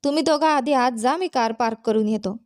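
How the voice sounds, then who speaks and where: A woman voicing a calm, indulgent rich father in a storybook reading. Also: a little high, a little fast, lightly acted.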